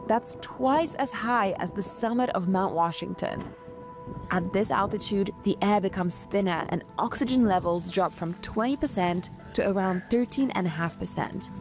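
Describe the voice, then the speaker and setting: Woman, mid-pitched, relaxed vlog voice-over with music underneath. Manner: relaxed storytelling. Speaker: travel vlogger. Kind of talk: voice-over narration.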